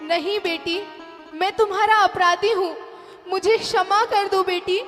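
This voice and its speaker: A woman's voice: extremely high pitch, steady tone, measured pace, a bit bright. A woman playing a remorseful grieving king. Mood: pleading. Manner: anguished, pleading declamation. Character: remorseful king, grieving father of his daughter. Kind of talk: stage play dialogue. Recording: reverberant hall with background music.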